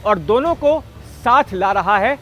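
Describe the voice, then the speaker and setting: Unhurried and expressive, a man with a high, slightly bright voice delivers a scripted political news explainer. His emphatic, story-like narration uses rhetorical questions, and music plays underneath.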